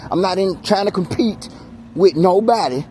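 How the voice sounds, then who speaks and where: With lively intonation, a mellow tone, and a high pitch at a moderate pace, this American vlogger walks a street while venting and preaching. He sounds exasperated, and his talk is casual, emphatic, and full of repetition. Street noise fills the handheld outdoor recording.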